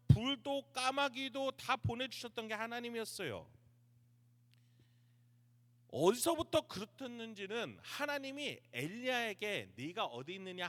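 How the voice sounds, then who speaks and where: A man preaching a youth service sermon, animated, acting out the words of biblical figures. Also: sits high. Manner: animated, acts out quotes of Elijah and God. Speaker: pastor. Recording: reverberant church hall.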